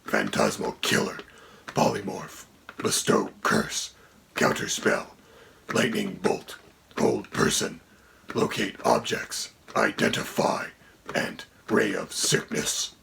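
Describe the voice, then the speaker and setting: A man voicing a haughty dragon co-host who speaks in a gravelly, whispery voice and a dry, condescending tone. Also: low voice, sing-song, slow pace, a bit bright, a little hiss or hum, full character voice. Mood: deadpan. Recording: music playing under the voice.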